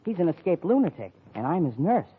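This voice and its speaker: An actor playing a deadpan, whispering escaped male lunatic in a 1940s radio comedy. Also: on the high side, brisk, husky, heavily acted. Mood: creepy. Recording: lo-fi old radio broadcast, hiss.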